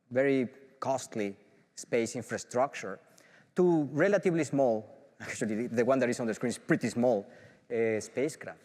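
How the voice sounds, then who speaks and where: A middle-aged Mexican professor with a mid-range voice and a Mexican Spanish accent gives an enthusiastic conference talk in a large auditorium, where the sound is big and roomy. His speech is heavy with "uh"s and frequent restarts.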